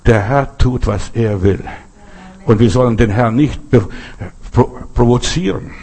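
Male preacher, husky voice, folksy sermon full of asides to the congregation. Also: medium pitch, unhurried, warm tone. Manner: folksy, addresses listeners directly with frequent asides. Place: Berlin.

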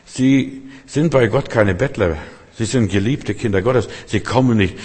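Emphatic low-voiced male preacher in a reverberant hall. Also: unhurried, a little mellow, slightly rough. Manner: emphatic, addresses listeners directly with repeated "weißt du". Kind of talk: sermon.

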